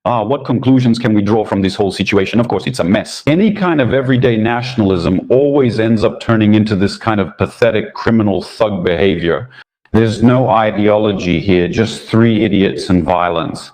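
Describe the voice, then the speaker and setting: A man's voice: lowish voice, normal speed, a little mellow. A man hosting a commentary channel, talking in a sarcastic, indignant way, with Russian as his first language. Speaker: political commentator. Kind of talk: scripted commentary monologue.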